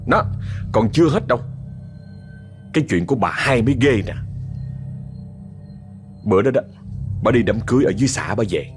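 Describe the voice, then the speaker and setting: A man's voice: medium pitch, lively intonation, a little fast, pauses often, faint music behind. A man with a Southern Vietnamese accent narrating a ghost story in a chatty, dramatic way, often speaking straight to his listeners.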